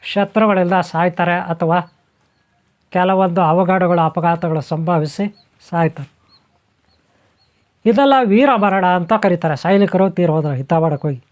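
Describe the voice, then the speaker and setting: A man's voice: high-pitched, normal speed, pauses often, a little mellow. A man giving a spiritual talk to viewers, repeating phrases, running through lists and asking rhetorical questions. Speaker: spiritual teacher. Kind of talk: spoken talk on spiritual topics.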